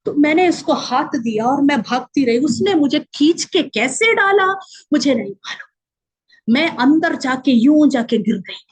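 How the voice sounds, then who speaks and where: A woman's voice: high-pitched, lively intonation, a little slow, low-quality recording. A woman telling a personal faith testimony with strong emotion. She speaks Hindi mixed with English words and acts out the voices of the people in her story.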